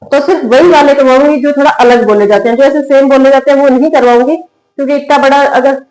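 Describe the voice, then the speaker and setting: A woman with a high, light voice teaches a spoken English lesson at a patient pace. She asks the viewer what each word says and repeats it over and over. Her voice rings in an echoey room. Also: fairly even intonation, fast talker, darkish tone.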